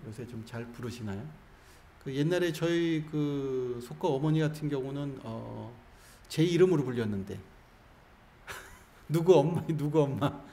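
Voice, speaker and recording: A male Buddhist monk with a fairly high voice leads a temple congregation through a guided practice, playful and coaxing. His words ring around a roomy hall, with a faint hum of room sound behind him. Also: mellow. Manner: playful, coaxing, jokes with the audience. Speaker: Buddhist monk giving a Sunday dharma talk. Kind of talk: sermon with guided call-and-response practice.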